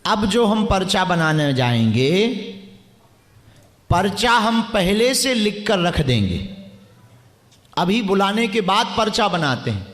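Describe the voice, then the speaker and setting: A high-pitched man preaches to a packed crowd in a lilt. He teases and commands people in the audience playful banter, and his voice rings out through echoey stadium sound. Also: very animated, takes it slowly, long pauses, a bit bright. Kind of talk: live religious gathering, addressing crowd and individuals.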